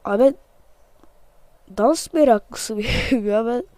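A playful, excitable male gamer who sounds a bit under the weather. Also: extremely high pitch, slow, no room sound. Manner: playful, excitable, jokey, talks to himself while playing; self-mocking. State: voice off from being sick. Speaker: gamer, channel host. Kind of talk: excited let's-play commentary.

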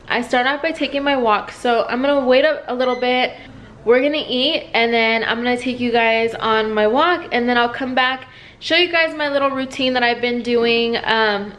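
Chatty high-voiced woman vlogging. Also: a bit bright, a little hiss or hum. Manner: chatty, rambling. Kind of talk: casual vlog talk to camera. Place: home living room, indoors. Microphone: camera held at arm's length.

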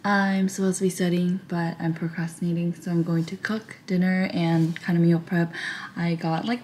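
A woman's voice: lowish voice, a little mellow, a little hiss or hum. A woman in her twenties chatting casually as she vlogs in her home kitchen, thinking aloud with plenty of fillers, picked up by a camera mic at counter distance. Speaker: vlogger. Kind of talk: casual vlog chat.

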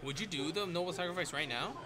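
A man gives relaxed, chatty commentary on a card game match, speaking a little high for a man and tossing in quick agreements. He trips over a word now and then. A game store crowd murmurs clearly behind him. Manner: chatty, quick agreeing interjections, some stumbling.

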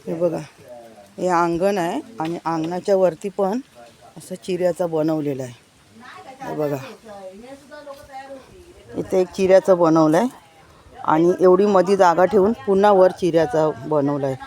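A woman with a fairly low, dark voice speaks in a steady, unhurried way, pausing often. She's a village vlogger filming a casual walking tour around her house and yard outdoors, chatting and pointing things out to viewers as she moves along.

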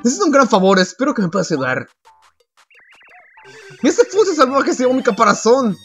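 A man voicing a whiny young male turtle who lost his shell, in a pleading, excitable way. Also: very high voice, brisk, soft background music, pitched above the performer's own voice, heavily acted.

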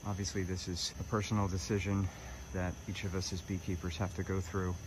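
Male beekeeper, lower voice, matter-of-fact phone vlog outdoors, bees buzzing clearly behind him. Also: flat delivery, brisk, noisy background. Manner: plain, matter-of-fact, talking to camera while handling hives. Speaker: beekeeper vlogger. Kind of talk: casual narration while working. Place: outdoor backyard deck. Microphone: phone camera held or nearby. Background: buzzing bees around.

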